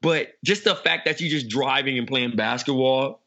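A man's voice: mid-range voice, normal speed, pushed and bright. A male podcast host in casual banter, telling things in a slangy, amused way.

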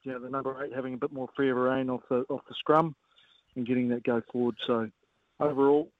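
A man giving casual, measured sports analysis as a guest coach, often pausing with filler phrases. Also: medium pitch, flat delivery, no echo. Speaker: rugby coach as guest pundit. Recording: narrowband phone-like line.

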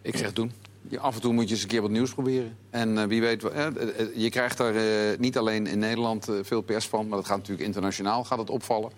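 A man's voice: lowish voice, little pitch movement, fast talker. A man reporting on football news at a talk-show table, explaining the details thoroughly with wry asides. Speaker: football correspondent. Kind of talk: explanatory report in casual chat.

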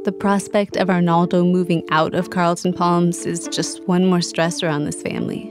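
Low-voiced woman reporter narrating. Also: steady tone, moderate pace, over music. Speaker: podcast host and reporter. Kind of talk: documentary narration and phone interview.

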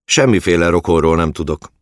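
A man's voice: low voice, lively intonation, no echo, clean studio sound, pitched above the performer's own voice. A man voicing a stocky, suspicious caretaker who blusters and pries. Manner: blustering, prying.

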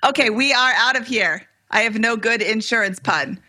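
A woman's voice: on the high side, normal speed, pushed and bright, dry recording. A woman co-hosting a podcast in a casual, upbeat, chatty way. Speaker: podcast co-host.

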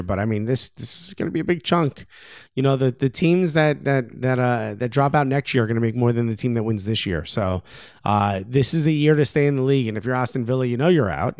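A man's voice: mid-range voice, animated, a little fast, a little mellow, no room sound, studio quality. A man co-hosting a podcast, talking casual sports in a joking, hyperbolic way. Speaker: podcast co-host.

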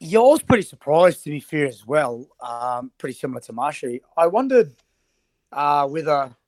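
Higher-pitched Antipodean man talking rugby. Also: very animated, moderate pace, darkish tone, dry recording, low-quality recording. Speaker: rugby coach guest. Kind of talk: sports interview analysis.

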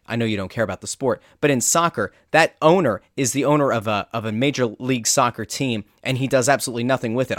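Man, sports podcast co-host, sarcastic rant, dry close sound, mid pitch. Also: a bit bright, no room sound. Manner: sarcastic, ranting. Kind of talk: casual sports chat.

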